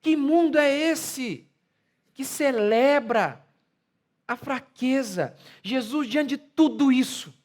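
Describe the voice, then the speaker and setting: High-voiced emphatic Brazilian pastor. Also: male voice. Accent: Brazilian Portuguese. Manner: emphatic, rhetorical questions, mocking impressions. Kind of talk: sermon.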